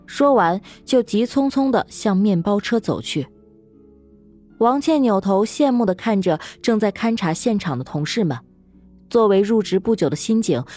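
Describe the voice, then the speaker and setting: A woman narrating a serialized novel in an expressive storytelling manner. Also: mid-range voice. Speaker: audiobook narrator.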